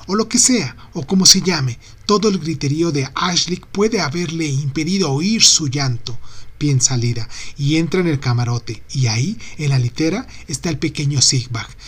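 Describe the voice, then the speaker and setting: A man narrating a literary novel in a steady, unhurried reading voice. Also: fairly high pitch, slightly rough. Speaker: audiobook narrator.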